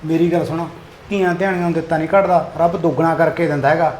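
Man acting farmer dad, Punjabi accent, high and fast, nagging. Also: steady tone, darkish tone, a little hiss or hum, natural voice. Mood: soothing. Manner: scolding, nagging. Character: grumbling village farmer father, impatient. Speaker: farmer father. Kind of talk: village drama acting.

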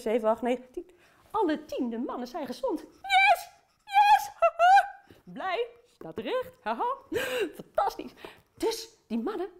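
A woman's voice: extremely high pitch, darkish tone, full character voice. A woman playing a cheerful, chatty aunt who tells a Bible story to children and talks to them directly.

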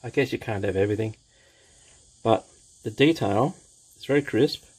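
A man's voice: lowish voice, moderate pace, a little mellow, husky, low-quality recording. A man casually reviewing a plastic model kit as he shows the parts, enthusiastic and repeating his praise, with fillers.

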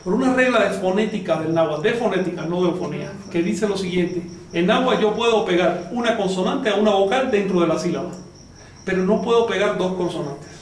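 A man's voice: sits high, a little fast. A man teaching a language class, explaining step by step and quizzing his students with questions. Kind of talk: classroom lesson. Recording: echoey room from far off with faint noise.

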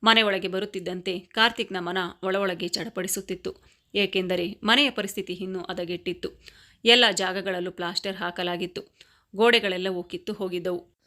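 A woman reading a family story aloud as scripted narration, in a steady, even voice. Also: mid-range voice, normal speed.

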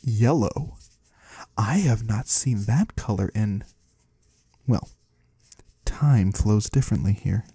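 In this soft-spoken ASMR roleplay, a man voices a mysterious trader from the void who has no body, using an exaggerated, expressive delivery. He talks slowly and quietly with a husky, breathy tone that at times becomes a whisper, his pitch rising and falling with polite, gentle curiosity and a pleased air. A close microphone captures it dry.

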